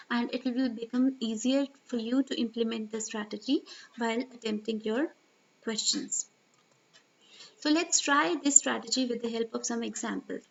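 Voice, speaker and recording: A woman's voice: on the high side, gravelly, lo-fi sound. A woman tutor explaining an exam reading strategy step by step, often checking in with "right?". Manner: steady teacherly explaining, frequent "right?" check-ins. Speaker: IELTS tutor.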